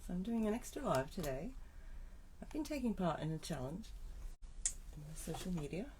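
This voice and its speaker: Her voice sits on the low side, a little mellow and sing-song, at a moderate pace, with a cold-roughened scratchiness. She's an Australian woman demonstrating card making live, chatty and making asides to herself during setup.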